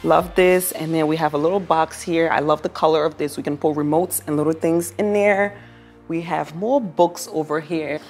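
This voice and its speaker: A woman's voice: low voice, fairly even intonation, moderate pace, darkish tone. A woman giving a casual home makeover tour to viewers, gushing admiringly about the decor as she goes. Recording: music behind the voice. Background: background music.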